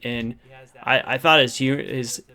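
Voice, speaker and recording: A middle-aged man tells a casual story to camera at an ordinary mid pitch. He is enthusiastic and rambles from one recollection to the next. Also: fairly even intonation, a little slow, bright, forceful tone. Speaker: vlogger and creature actor telling behind-the-scenes story.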